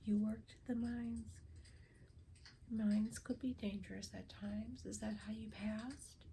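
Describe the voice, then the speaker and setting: An older woman running a spirit box session for her vlog, speaking in a hushed, often whispered, earnest and emotional way, pleading for signs. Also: medium pitch, steady tone, slow pace, vocal fry, a little hiss or hum, poor audio.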